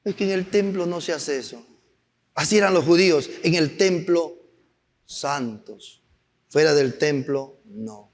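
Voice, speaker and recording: A man preaching a sermon as pastor, animated and acting out stories, at times shouting. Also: fairly high pitch, measured pace, long reverb tail. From Peru. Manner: animated, acts out anecdotes with voices, sometimes shouting.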